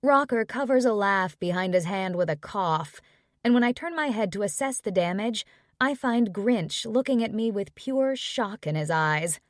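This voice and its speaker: A woman narrating a romance audiobook in the first person, in a measured, steady reading. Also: mid-range voice, no room sound, studio quality.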